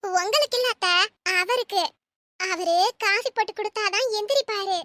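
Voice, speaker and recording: Woman doing a very high, bright, cheeky cartoon daughter-in-law, sly and chirpy, in a dry recording. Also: a little hiss or hum. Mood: sweet. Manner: chirpy, sly and quick-witted. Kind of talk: cartoon voice acting.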